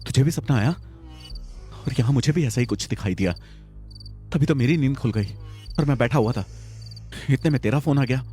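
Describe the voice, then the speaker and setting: A man's voice: medium pitch, moderate pace, long pauses, soft background music, voice pushed up, close to an everyday voice. A man voicing Arjun, a scared young village man who hides his fear behind teasing, talking to his friend in a Hindi audio story. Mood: jittery, teasing. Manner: tries to sound calm, teasing.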